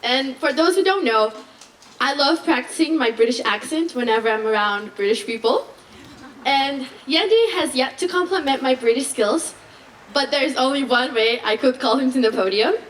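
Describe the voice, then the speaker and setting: A woman's voice: high voice, lively intonation, normal speed. A young woman, a graduating student, giving a playful, teasing introduction at a ceremony. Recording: distant mic with faint noise.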